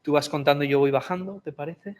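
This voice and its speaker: A man's voice: a little high, quick pace, a little mellow. A man with a Spain Spanish accent moderates a conference session in an informal, spontaneous way.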